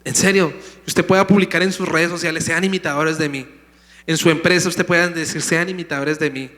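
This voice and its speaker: A pastor preaches a sermon in a slightly high, emphatic voice, calling out to his congregation. A long hall reverb trails each phrase through the church sanctuary. His tone is steady and a bit bright, and he speaks a little fast.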